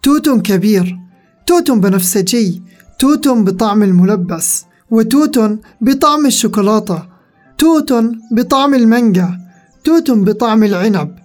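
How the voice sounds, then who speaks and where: Expressive woman reading a children's story. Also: a little high, normal speed, soft background music.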